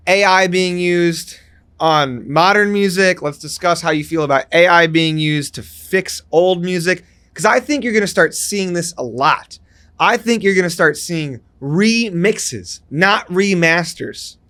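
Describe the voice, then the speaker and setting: A man's voice: on the high side, sharp tone. A man talking to camera as a music YouTuber, explaining things casually and then ranting, repeating himself as he gets worked up.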